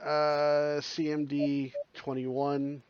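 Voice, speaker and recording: A man running a tabletop game over voice chat, calmly explaining rules and rolls. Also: fairly high pitch, very slow, clear, resonant tone, dry recording. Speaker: game master. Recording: dull, dry voice-chat sound.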